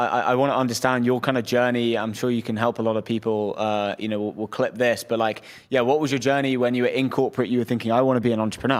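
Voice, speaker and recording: A man hosting a podcast interview, talking in an enthusiastic, informal way with frequent stammered restarts. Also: medium pitch. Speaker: podcast host. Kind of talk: casual interview.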